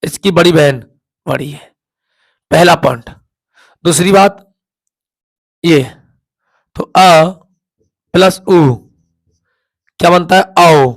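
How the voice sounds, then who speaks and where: A male Hindi teacher leads a class with a high voice. He speaks slowly and drills each vowel aloud. He asks the room a question and answers it himself. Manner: repeats sounds aloud, asks and answers his own questions. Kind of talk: classroom lesson at a board.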